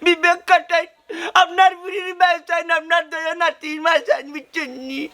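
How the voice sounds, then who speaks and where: A sobbing, pleading young rider. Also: male voice, extremely high pitch, fairly even intonation, normal speed, pushed and bright, full character voice. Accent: Sylheti Bengali. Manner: wailing, pleading, sobbing speech. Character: desperate young man pleading for accident money. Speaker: young man who crashed a motorbike, begging for money. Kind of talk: rural comedy drama acting.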